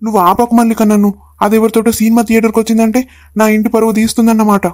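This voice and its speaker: A woman voicing a doting, quick-tempered young husband in a cartoon, coaxing. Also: a little high, level tone, a little mellow, dry recording, studio quality, natural voice. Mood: angry. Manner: coaxing, calls his wife endearments.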